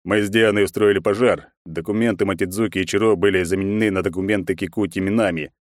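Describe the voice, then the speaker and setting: A man narrating an audiobook in a steady, measured reading. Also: deep voice, no room sound, clean studio sound. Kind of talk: scripted narration.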